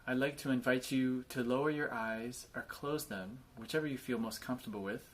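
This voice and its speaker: A man with a medium-pitched voice leads a guided body scan meditation, offering gentle invitations with frequent pauses.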